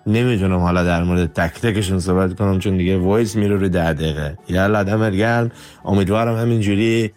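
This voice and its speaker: Low-voiced man with a southern Iranian accent. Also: fairly even intonation, darkish tone, faint music behind. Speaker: listener sending a voice message. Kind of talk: casual voice message.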